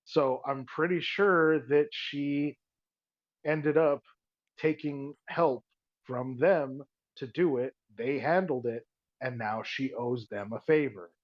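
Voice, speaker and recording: A man making his case to the table, rambling and persuasive, often restarting his sentences. His voice sits at an ordinary middle pitch. It comes through a dull, muffled microphone with no room echo at all. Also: slow. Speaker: tabletop player. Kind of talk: casual in-character planning talk. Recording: dull muffled dry mic sound.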